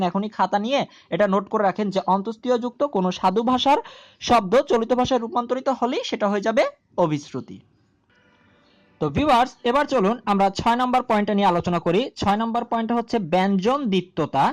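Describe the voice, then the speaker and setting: This grammar lesson for video viewers comes from a woman whose voice is fairly high. She explains at a slow pace, repeats the key terms, and often asks a question only to answer it herself.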